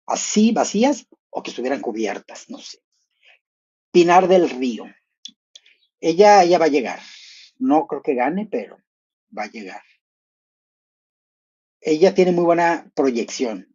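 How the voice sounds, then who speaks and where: A man chats through a live reaction stream, his voice a little husky and breathy. He sounds gossipy and playful, musing aloud and jumping up into bursts of excitement. The audio is slightly dull and lo-fi. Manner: gossipy, playful, thinking aloud with sudden high exclamations.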